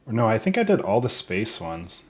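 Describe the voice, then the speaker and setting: A man's voice: lowish voice, very animated, moderate pace, husky. A young man giving casual developer commentary over his game, thinking aloud and unsure of the order.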